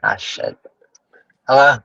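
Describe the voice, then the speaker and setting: A man's voice: slow, a bit bright. Man on a call that keeps breaking up. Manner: laid-back slang. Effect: call connection breaking up. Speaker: caller on a livestream. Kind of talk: casual chat. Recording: dry muffled lo-fi call line.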